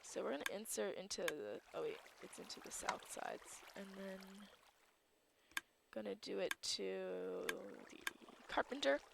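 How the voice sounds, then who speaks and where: A woman's voice: mid-range voice, very animated, measured pace, gravelly, noisy background. A woman giving casual gameplay commentary, groggy in her morning voice, rambling and thinking aloud with lots of fillers. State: groggy just-woke-up morning voice. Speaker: server owner and gameplay commentator.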